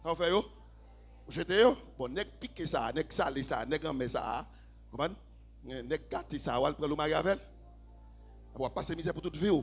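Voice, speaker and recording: A man with a Haitian accent preaching a sermon in church, swinging from low, quiet talk to shouted, half-sung preaching. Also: lively intonation, moderate pace, pauses often, husky, soft background music. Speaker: pastor. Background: faint keyboard.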